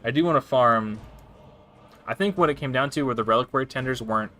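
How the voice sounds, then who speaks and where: A man's voice: medium pitch, fast, bright, forceful tone. A man streaming live and casually commenting on his gameplay, rambling with frequent restarts and self-corrections. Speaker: game streamer.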